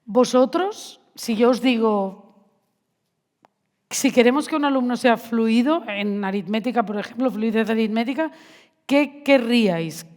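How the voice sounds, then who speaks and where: A woman's voice: fairly high pitch, unhurried, darkish tone. A woman giving a conversational conference talk to teachers, often asking the audience questions. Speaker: math education speaker. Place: large hall with audience. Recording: reverberant hall.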